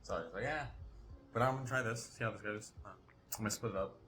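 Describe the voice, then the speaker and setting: A young man talking casually to camera in a devlog, relaxed and rambling as he explains his work. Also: lowish voice, very fast, soft background music. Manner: relaxed, rambling, self-correcting. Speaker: vlogger and self-taught developer.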